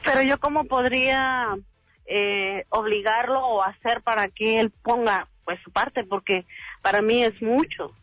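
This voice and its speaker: A woman calling in to a radio show over the phone. She asks her question haltingly, with many pauses and fillers. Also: a little high, steady tone, a bit bright, dry recording, faint music behind. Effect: heard over a phone line. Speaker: radio call-in caller. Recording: muffled dry phone line.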